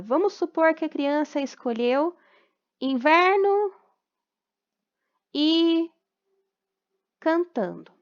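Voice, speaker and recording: At home during quarantine, a Brazilian primary school teacher with a fairly high voice talks parents through homework corrections. She's patient and explanatory, checking often that they follow and dictating slowly, syllable by syllable, in Brazilian Portuguese. The recording sounds dull and lo-fi.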